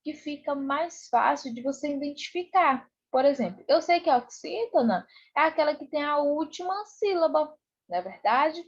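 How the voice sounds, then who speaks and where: A woman's voice: high-pitched, lively intonation, moderate pace, dull audio. A Brazilian woman teacher giving an online lesson for children, patient and repetitive, checking in often. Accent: Brazilian Portuguese. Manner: patient, repeats with "né?" and "tá bom?".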